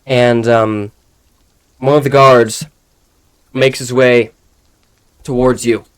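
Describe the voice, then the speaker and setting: A man's voice: mid-range voice, little pitch movement, slow, echoey room, rough recording. A man with a mid-range voice runs a tabletop fantasy game. As game master, he improvises scene narration and handles the rules.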